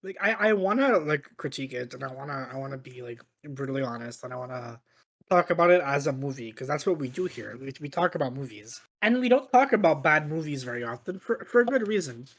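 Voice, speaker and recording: A man's voice: mid-range voice, very animated, quick pace. A tipsy man co-hosting a casual movie podcast, rambling and repeating himself with the odd swear word. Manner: tipsy, from drinking on the show. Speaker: podcast host. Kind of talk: casual movie review banter.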